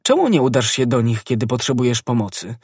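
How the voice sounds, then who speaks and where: A man's voice: medium pitch, big pitch swings, quick pace, darkish tone, slightly rough, no room sound, studio quality. A man voicing an eager young novice woman. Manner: eager, pressing questions. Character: young convent novice woman, earnest and jealous.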